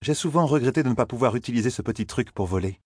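A man's voice: mid-range voice, lively intonation, rapid-fire, husky, no echo, studio quality. A man voicing a cool, condescending woman ruler. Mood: mocking. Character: stern, powerful older woman leader of a sorcerous order.

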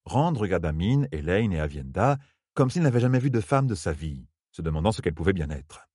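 A man narrating an audiobook in an expressive, measured way. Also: deep voice, husky, dry recording, studio quality.

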